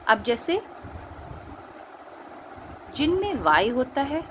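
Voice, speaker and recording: An Indian woman teacher gives a patient, slow-paced grammar lesson, often quizzing her pupils as she goes. Her voice sits fairly high and rises and falls with lively movement. The recording carries clear background noise with traffic passing by. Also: low-quality recording. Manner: patient explaining, quizzing pupils, mixing Hindi and English. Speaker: school teacher.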